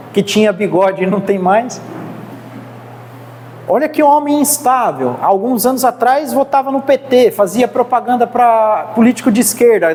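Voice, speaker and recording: A woman with a Brazilian accent and a slightly high, warm voice teaches a theology class in a church setting. She speaks earnestly and exhorts her listeners, repeatedly calling them brothers. The recording comes from a reverberant hall with faint background noise.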